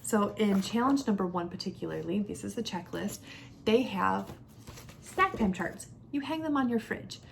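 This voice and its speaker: An expressive woman in her thirties, a homeschooling mom, gives a casual, conversational product review at a moderate pace, explaining things step by step. The recording is clear, with background noise and a low rumble.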